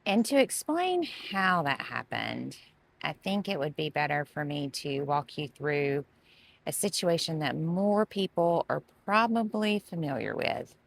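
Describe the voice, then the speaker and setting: A woman's voice: sits low, big pitch swings, measured pace, gravelly. A woman, a gardening vlogger telling a chatty, dramatic story to camera.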